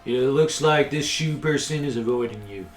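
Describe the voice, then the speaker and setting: A man's voice: medium pitch, normal speed, roomy sound, faint music behind. A man hosting a let's play, making sarcastic jokes and asides as he reads the game text. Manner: jokey, sarcastic, full of asides. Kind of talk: joking game commentary.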